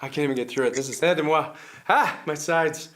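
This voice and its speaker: A man's voice: fairly high pitch, brisk, fairly bright tone. Sarcastic man in a comedy sketch. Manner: sarcastic, mock-earnest, breaks into laughter. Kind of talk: satirical sketch acting.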